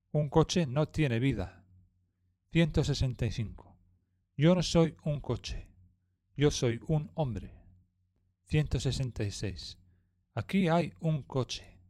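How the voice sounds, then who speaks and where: A man working through numbered practice sentences at a deliberate, unhurried pace. His tone is mellow and dark, and the recording is dry and close, with no room around it. Each line comes out plain and measured, like a teacher's drill. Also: a little high, no room sound. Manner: reads each numbered sentence slowly and evenly. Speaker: language teacher. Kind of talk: slow numbered phrase drill.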